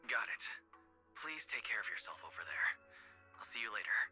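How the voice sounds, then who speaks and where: Earnest young game companion, lowish expressive voice, wry teasing, little music behind. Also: male voice, a little fast, heavily acted. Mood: earnest, caring. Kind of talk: video game voice acting.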